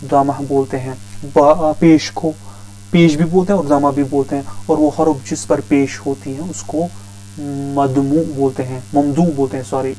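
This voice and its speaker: A man's voice: mid-range voice, steady tone, moderate pace, dark tone, faint music behind, poor audio. A man teaching a grammar lesson, patiently repeating each term several times. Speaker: Arabic teacher.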